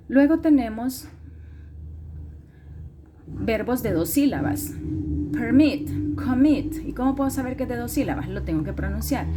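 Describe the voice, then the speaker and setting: A woman's voice: medium pitch, background noise. Woman teacher, patient step-by-step lesson delivery, repeats key points and self-corrects. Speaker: English teacher. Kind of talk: recorded classroom lesson explanation.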